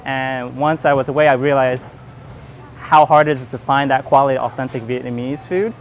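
A young man and home cook talking casually about his cooking in a relaxed, rambling way, full of fillers. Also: mid-range voice, moderate pace, slight background noise. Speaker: home cook hosting a dinner party. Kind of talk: casual documentary talk.

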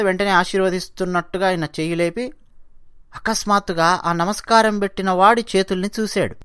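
A man narrating a devotional story, explaining verses politely and chanting them slowly. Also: high voice, fairly bright tone, no echo, studio quality. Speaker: religious storyteller.

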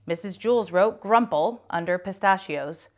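A woman reading a children's chapter book aloud with clear, expressive storytelling. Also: fairly low pitch, normal speed.

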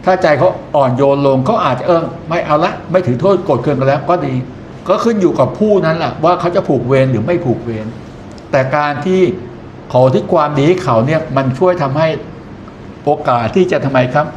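A man's voice: fairly high pitch, lively intonation, fairly quick, highs cut off, a little hiss or hum. A man lecturing in an explanatory way, often posing questions to his listeners and then answering them himself. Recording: echoey room, faint ambience.

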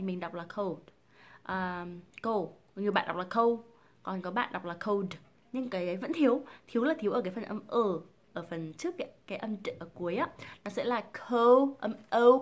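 A woman from Vietnam teaching English pronunciation, explaining patiently and drilling single sounds and words slowly and clearly. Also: medium pitch. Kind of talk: pronunciation lesson.

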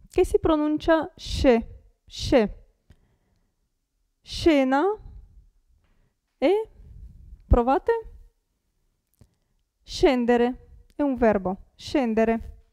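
A young woman with an Italian accent teaching Italian pronunciation, saying each word slowly and carefully and repeating it. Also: high-pitched, warm tone, no echo, clean studio sound. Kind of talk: pronunciation lesson.

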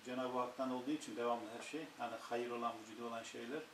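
A man's voice: mid-range voice, steady tone, rapid-fire. A man with a Turkish accent in a study circle, asking hesitant questions. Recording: distant echoey room, faint hiss.

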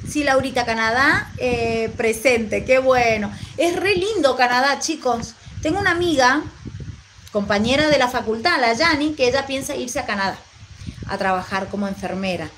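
A woman's voice: fairly high pitch, lively intonation, moderate pace, a bit bright, slight background noise, low-quality recording. A woman from Mendoza with a Mendoza Argentine accent, reading and answering her live chat in an affectionate, rambling way. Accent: Mendoza Argentine Spanish. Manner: chatty, affectionate, rambling with fillers.

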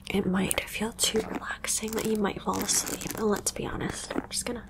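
A woman whispering through an ASMR roleplay, talking straight to the listener in soft, slow, repetitive soothing phrases with a playful touch. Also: medium pitch, level tone, creaky. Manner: playful, addresses the listener directly. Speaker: ASMR creator.

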